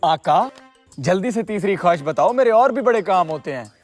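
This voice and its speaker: A man voicing a blue genie in a cartoon, an eager servant who rushes his master and chants spells. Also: high-pitched, expressive, faint music behind. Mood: hurried. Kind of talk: cartoon voice acting.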